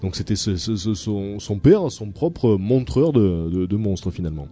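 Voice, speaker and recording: A man hosting a radio chat show, telling odd stories in a lively, halting way full of fillers. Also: on the low side, faint music behind. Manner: storytelling, many fillers, animated. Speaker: radio host.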